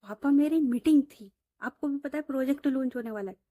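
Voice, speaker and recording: A woman voicing a stubborn, quick-tempered young female boss who scolds and protests. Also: sits high, dark tone, no echo, clean studio sound, natural voice. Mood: indignant. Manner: scolding, indignant.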